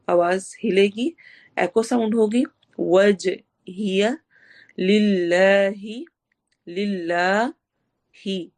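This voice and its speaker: A woman with a slightly sore, hoarse throat teaching Quran recitation rules in an online class, explaining sounds step by step, asking her students questions and dropping English words into her speech. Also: medium pitch, darkish tone.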